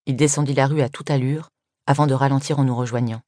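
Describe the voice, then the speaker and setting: A woman reading a first-person story aloud in an even, measured way. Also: extremely low pitch, dry recording, clean studio sound. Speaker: audiobook reader. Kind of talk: scripted first-person narration.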